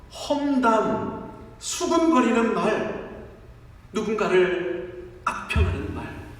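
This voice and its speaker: A man's voice: high voice, fairly bright tone. A middle-aged man preaching a sermon as pastor, leaning on rhetorical questions to the congregation and a rhythmic, listing cadence. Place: large church sanctuary. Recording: echoey church hall from far off.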